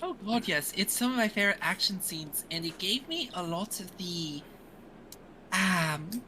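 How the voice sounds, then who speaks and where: Woman chatting on a podcast, bright and animated, faint hiss in the back. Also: lowish voice, unhurried. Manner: animated and opinionated. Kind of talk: casual chat.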